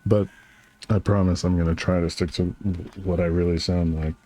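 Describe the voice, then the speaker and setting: A man's voice: deep voice, level tone, normal speed, dark tone. A man casually commenting as he plays a game, chatting and reading its text aloud. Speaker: streamer playing a game. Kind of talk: casual let's-play commentary.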